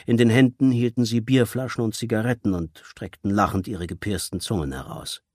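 Low-voiced male audiobook narrator. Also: a little fast, darkish tone, dry recording, clean studio sound.

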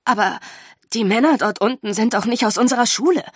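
A woman's voice: fairly high pitch, brisk, slightly rough, dry recording, clean studio sound. A woman voicing an earnest, stubborn teenage girl who talks in a pleading, insistent way. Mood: doubting.

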